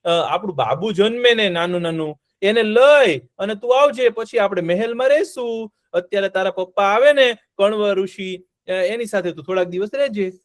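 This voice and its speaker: A man voicing a young king who speaks calmly and reassuringly to his wife. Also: high voice, moderate pace, hardly any pauses, lightly acted. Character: gentle young king leaving for his palace.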